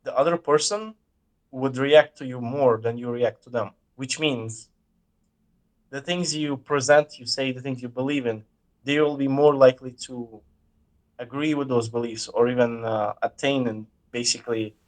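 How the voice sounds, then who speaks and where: A man in a casual conversation, explaining ideas in a measured way and often pausing to search for words. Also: medium pitch, steady tone. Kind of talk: casual chat.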